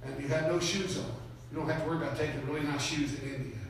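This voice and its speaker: A man preaching a sermon, telling a story with growing excitement, laughing and breaking into shouts. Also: fairly high pitch, rapid-fire, a little hiss or hum. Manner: animated, builds to shouts, laughs often. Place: church sanctuary. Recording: echoey hall from far off.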